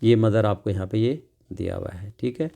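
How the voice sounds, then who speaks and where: A man tutoring English from a children's workbook, explaining slowly and repeating each word, asking questions and answering them himself. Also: on the low side, vocal fry, mellow. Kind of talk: classroom lesson explaining a workbook.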